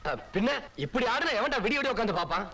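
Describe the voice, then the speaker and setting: An actor playing a blustering village landlord in a film comedy, scolding and mocking people with short, barked insults. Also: male voice, very high-pitched, lively intonation, very fast, sharp tone, exaggerated voice. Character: blustering middle-aged male village landlord, scornful.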